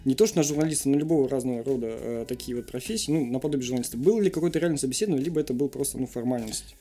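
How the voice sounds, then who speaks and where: A man's voice: mid-range voice, rapid-fire, warm tone. A man hosting a casual interview show, joking and self-deprecating, who burrs his r sounds.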